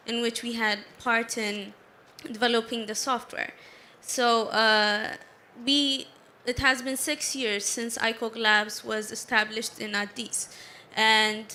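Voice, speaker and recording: A young woman from Ethiopia with an Ethiopian accent, a tech founder speaking on a conference panel in a measured way, often pausing on "uh.". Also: a little high, pushed and bright, slight background noise. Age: young adult. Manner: measured, with frequent "uh" pauses. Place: conference stage.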